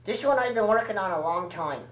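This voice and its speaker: A man's voice: sits high, animated, fairly quick, a bit bright, reverberant, pitched above the performer's own voice, poor audio. A man doing a cheeky boy dummy. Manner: sassy, rude little jokes. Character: cheeky eight-year-old boy ventriloquist dummy.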